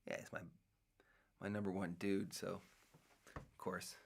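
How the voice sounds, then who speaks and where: A middle-aged American man with a low, gravelly voice hosts his own podcast, talking loosely and solo. His tone is level and a little slow as he rambles and muses, drifting between thoughts, restarting sentences and filling gaps with fillers.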